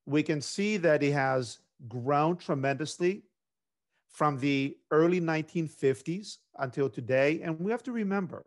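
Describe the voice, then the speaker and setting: Over a video call, a middle-aged government instructor from Greece gives a measured academic lecture in a slightly high voice.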